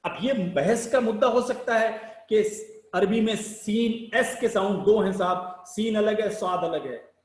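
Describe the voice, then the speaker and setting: A man teaching public speaking in a slow, deliberate lecture, asking rhetorical questions and spelling out sounds one by one. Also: high-pitched, roomy sound, rough recording. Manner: rhetorical questions, emphatic rises and sinking ends.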